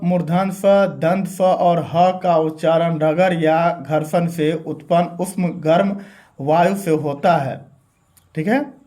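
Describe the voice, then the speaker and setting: A man's voice: high-pitched, a little mellow. A man teaching Hindi grammar step by step, asking the class questions and answering them himself. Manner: repetitive, step-by-step explaining. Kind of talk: classroom lesson.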